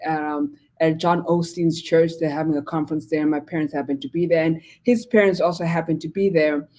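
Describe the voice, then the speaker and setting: A woman in her forties, originally from Zimbabwe, a pastor telling her story as a guest with many fillers. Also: on the low side. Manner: warm storytelling with frequent fillers. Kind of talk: casual interview talk.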